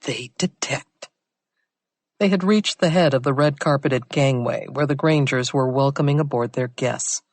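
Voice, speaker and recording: A woman's voice: extremely low pitch, moderate pace, few pauses, no room sound. Woman narrating a mystery audiobook. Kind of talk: scripted narration.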